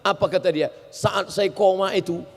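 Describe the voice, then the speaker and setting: A man's voice: high-pitched, fairly even intonation, normal speed, creaky. A man preaching a humorous sermon, telling stories and acting out voices and sounds. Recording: reverberant hall.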